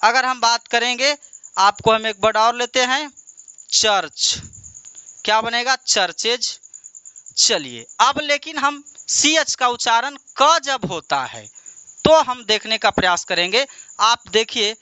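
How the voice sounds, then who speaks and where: A male teacher works through a lesson with a crisp, resonant voice that carries a bright edge. He keeps turning each answer back into a question for his students and encourages them patiently. The sound is close and dry. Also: very high voice, lively intonation, slow, no echo. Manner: repeats answers as questions to the class. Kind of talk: classroom lesson at a board.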